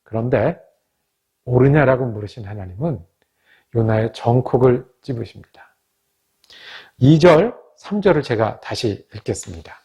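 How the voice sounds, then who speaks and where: A man, a pastor, teaching a Bible study in a measured way and asking the listeners questions. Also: mid-range voice, expressive, mellow, husky.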